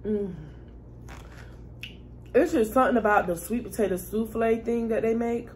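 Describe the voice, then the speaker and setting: Speaking at normal speed with a steady, slightly high but darkish voice, a woman vlogger eats a meal and chats casually with her audience. It's a laid-back mukbang with a little hiss or hum.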